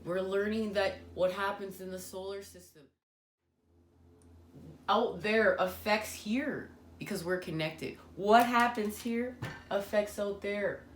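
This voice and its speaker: Speaking slowly in a mid-range voice, a woman gives a spiritual tarot reading. She talks earnestly but meanders, using many fillers. The room is echoey, with faint ambient noise.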